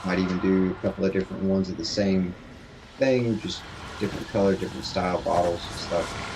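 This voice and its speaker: A man's voice: low-pitched, fairly even intonation, fairly quick, noisy background. A man streaming a game from his home stream room, chatting with viewers in a rambling, easygoing way and laughing often into his desk mic. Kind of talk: casual chat with viewers while gaming. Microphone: desk microphone.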